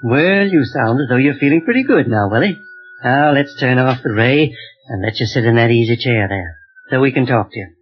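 A man's voice: medium pitch, brisk, a little hiss or hum, natural voice. A man playing a kindly, fussy scientist doctor, soothing and hesitant, often repeating words, in old radio serial style. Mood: kindly, cautious. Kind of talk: 1930s-40s radio serial acting. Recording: dull old radio recording, music.

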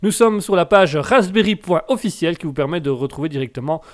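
A man with a fairly high voice hosts a live call-in radio show. He greets his listeners in a formal, announcer-like way and rambles through his sentences, often restarting them. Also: expressive, fairly quick. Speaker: web radio host.

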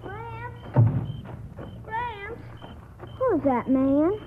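A woman's voice: very high-pitched, very animated, normal speed, music in the background. A woman voicing an eager, chirpy little boy in a 1940s radio drama over a tinny old broadcast.

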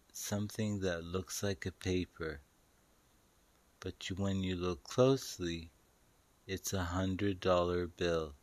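A man with a low voice narrates a guided meditation as a slow story. He speaks deliberately in short phrases separated by pauses, giving the listener instructions.

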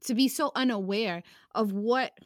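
A woman's voice: fairly high pitch, normal speed, dry recording. Casting: young woman, raw and emotional, casual slang, dry close recording. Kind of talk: candid personal conversation.

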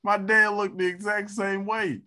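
A man's voice: high voice, little pitch movement, unhurried, sharp tone. A man in his thirties hosting a podcast in a laid-back, casual way, talking over a video call. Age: 30s. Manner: laid-back, says "dog" and "man" often. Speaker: podcast host. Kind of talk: casual chat.

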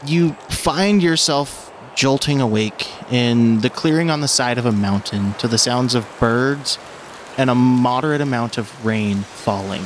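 A man's voice: medium pitch, unhurried. A man narrating a tabletop game as game master. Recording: clear rain noise behind.

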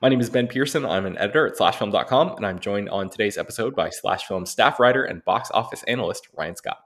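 A man's voice: lowish voice, quick pace. A man hosting a film news podcast in a casual, loose way with plenty of fillers. He is getting over an illness and is not yet at full strength. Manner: relaxed, filler-heavy, apologetic. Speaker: podcast host.

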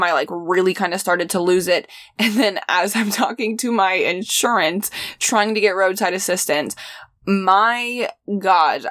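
A woman's voice: lowish voice, fairly bright tone, no echo. A young woman casually telling a personal story in a vlog from inside her van, chatty and full of "like" fillers. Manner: chatty, frequent "like" fillers, laughs while telling. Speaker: van life vlogger.

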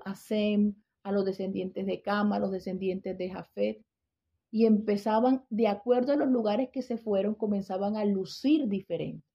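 A woman giving a conversational Bible lesson, often checking in with her listeners and restarting her phrases. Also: mid-range voice. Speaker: Bible teacher. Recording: dull lo-fi recording.

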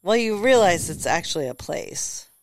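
A woman's voice: lowish voice, lively intonation, normal speed, a crowd in the background. A woman guesting on a casual podcast chat, playful, teasing and blunt.

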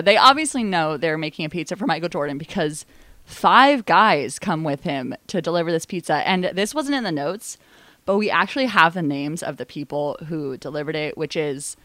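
A woman co-hosting a casual comedy podcast who talks in a joking, wry, animated way. Her voice sits low for a woman. The recording is dry and close-miked. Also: dry recording. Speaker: podcast co-host.

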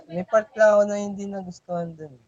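A Filipino-accented podcast co-host chatting casually, giving quick, short replies. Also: medium pitch, fairly even intonation, no echo, muffled recording. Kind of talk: casual chat.

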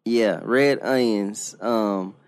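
A man's voice: lowish voice, very slow, smooth. A man co-hosting a casual chat show, arguing and teasing while he talks through the news. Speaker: podcast co-host.

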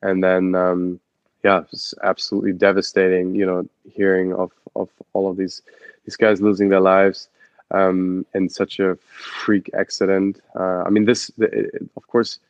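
A young German man with a German accent, an adventure photographer and expedition guide, tells his story as an interview guest, with many fillers and restarts. His low voice is monotone and unhurried. The recording is muffled, with no room sound.

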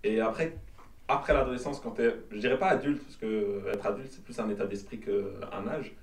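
A man's voice: fairly low pitch, normal speed, gravelly, far from the mic, slight background noise. Host, man, casual rambling chat, restarts a lot, echoey room, sits back from the mic. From Belgium. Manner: rambling, repeats words while searching for them. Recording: roomy sound from off-mic.

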